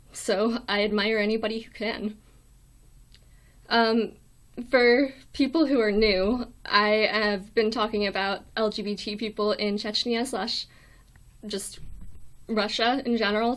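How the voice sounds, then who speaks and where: A young adult woman from the United States with a weak, thin voice, hosting a casual livestream in a hesitant, apologetic way. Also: medium pitch. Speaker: live stream host. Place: small dorm room.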